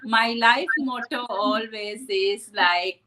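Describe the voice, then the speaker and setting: Against a noisy background, a psychotherapist guest from Sri Lanka speaks slowly in a highish voice. In the interview she recounts her story with earnest reflection, often adding "right?".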